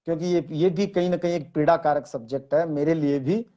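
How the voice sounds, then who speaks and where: A man who is a Hindi lecturer, explaining grammar to exam students slowly and deliberately, spelling out word lists one by one. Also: a little high, warm tone, muffled recording.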